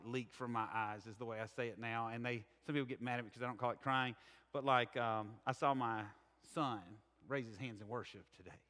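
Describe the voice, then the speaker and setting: A man's voice: a little high, a bit bright. Southern man preaching in an echoey church. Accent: Southern American. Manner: conversational, candid and earnest. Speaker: pastor. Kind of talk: sermon. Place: church sanctuary.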